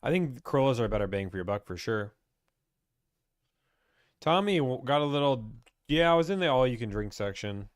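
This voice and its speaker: A man's voice: medium pitch, lively intonation, brisk, long pauses, dry recording, studio quality. A young man from Pittsburgh, chatting casually as he reads and answers viewer questions about car buying on a live stream.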